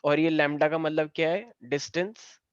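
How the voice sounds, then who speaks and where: A man's voice: on the high side, fairly even intonation, unhurried, clean tone, no echo, dull audio. A man teaching a science class, explaining step by step and joking with his students. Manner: playful, joking and teasing students. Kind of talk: live online class lesson.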